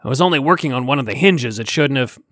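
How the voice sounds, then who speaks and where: A man's voice: medium pitch, animated, fast talker, a bit bright, dry recording, studio quality. A man voicing a grumbling, wisecracking male salvage crewman. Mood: wary.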